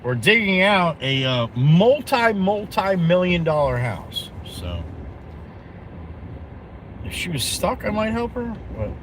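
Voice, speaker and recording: A man's voice: high voice, slow pace, low-quality recording. Rambling New man chatting from his car. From New Jersey. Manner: rambling, self-interrupting, blunt, answers chat viewers. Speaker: live streamer. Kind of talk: casual live-stream chat while driving. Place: inside a car on the road. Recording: steady car road noise. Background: car engine and road noise.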